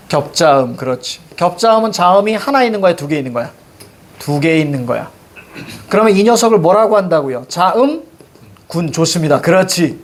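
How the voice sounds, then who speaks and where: A male teacher giving a classroom grammar lesson, questioning students and repeating key words. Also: a little high.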